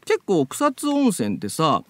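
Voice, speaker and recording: Animated man hosting a chatty radio show. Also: high-pitched, unhurried, no room sound. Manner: animated explainer, chatty storytelling. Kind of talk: casual web radio chat.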